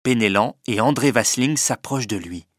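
Male storybook narrator, measured and clear, dry booth sound. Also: medium pitch, a bit bright, no room sound. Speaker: audiobook narrator.

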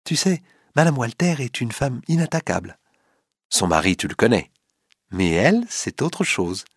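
A man's voice: mid-range voice, very animated, moderate pace, husky, no echo, clean studio sound. A man doing a shrewd, self-assured young wife. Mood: confiding. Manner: assured, confiding.

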